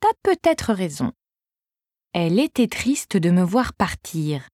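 A woman's voice: on the low side, big pitch swings, takes it slowly, a little mellow, no echo, studio quality, heavily acted. A woman voicing a blunt, teasing young woman friend in an audiobook, raised a little above her own voice. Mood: musing.

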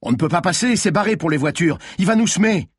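A man voicing a tense male driver who shouts in alarm while chasing a motorbike. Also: sits high, lively intonation, fast, husky, dry recording, studio quality, voice pushed up.

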